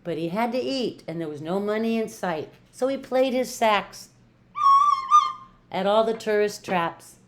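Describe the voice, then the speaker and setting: Reading a children's picture book at a slow pace, an older woman who is a retired teacher gives an expressive, rhythmic performance, drawing out important words playfully in her mid-pitched voice. There is noise in the background.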